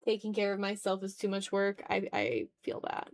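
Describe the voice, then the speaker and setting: A woman with a mid-range, animated voice chats at a normal speed while drawing on a live art stream. The talk is casual and playful, slightly dramatic, with occasional offhand swearing.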